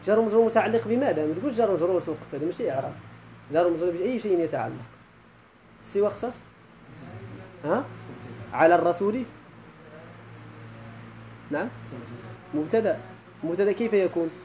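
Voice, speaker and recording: A man with a Moroccan accent teaching an Arabic grammar lesson, chanting verses slowly and quizzing his students. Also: high voice, animated, mellow, a little hiss or hum, poor audio.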